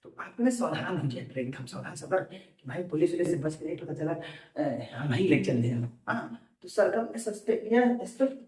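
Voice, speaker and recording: A man's voice: a little high, animated, moderate pace, darkish tone. A man teaching an exam-prep vocabulary lesson, drilling words by asking a question and answering it himself. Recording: echoey room, voice from far off.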